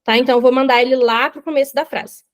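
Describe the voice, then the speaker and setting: A young Brazilian woman with a high, bright voice explains grammar step by step, checking in often with her students. She sounds lively and patient as she leads the lesson. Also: fast. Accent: Brazilian Portuguese. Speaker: English teacher.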